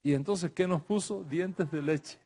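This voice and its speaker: A man's voice: fairly high pitch, unhurried, dark tone, slight background noise. A middle-aged man teaching a religious class, emphatic, repeating phrases and restarting his sentences. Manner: speaks in Spanish with Hebrew religious terms.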